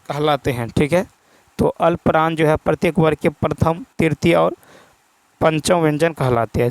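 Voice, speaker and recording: A man's voice: on the high side, no echo, poor audio. A man going through practice exam answers, repeating each key term and asking himself the answer. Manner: reads English questions slowly, word by word. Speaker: exam prep teacher. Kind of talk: explaining a practice test answer by answer.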